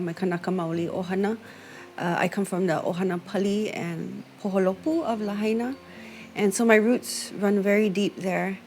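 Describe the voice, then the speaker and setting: A music teacher from Hawaii who runs workshops reflects in a documentary interview, weaving Hawaiian words into her English. Her medium-pitched voice is a little mellow, with vocal fry and a faint hiss or hum.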